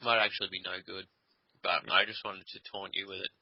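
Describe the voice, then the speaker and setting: This is casual gaming chat: a man playing a game with his co-host at his computer, teasing him and cursing freely. He talks fairly quickly in a low, level voice. The desk mic gives a dull, dry, lo-fi sound with no room ambience.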